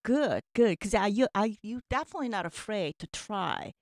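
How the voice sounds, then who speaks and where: A woman's voice: mid-range voice, lively intonation, moderate pace, dry recording, clean studio sound. A woman interviewing a musician, chatty and encouraging, with frequent backchannel murmurs. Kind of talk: casual interview.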